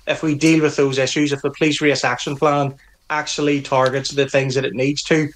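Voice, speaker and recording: A police association representative, middle-aged and Northern Irish, responds to interview questions in a mid-range, flat delivery, talking a little fast. He's firm and earnest, often breaking off to restart a phrase.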